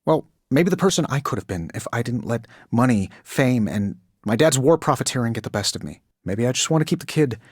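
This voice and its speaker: A man's voice: mid-range voice, animated, a little fast, slightly rough, no room sound, clean studio sound. A man playing a cocky, quippy genius inventor superhero in a video game, delivering wry, sarcastic, glib banter. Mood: earnest, reflective.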